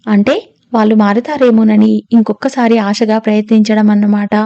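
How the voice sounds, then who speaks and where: A woman reading the part of a calm male lawyer who soothes and reasons gently in a storybook reading. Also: medium pitch, normal speed, no room sound, highs cut off, natural voice.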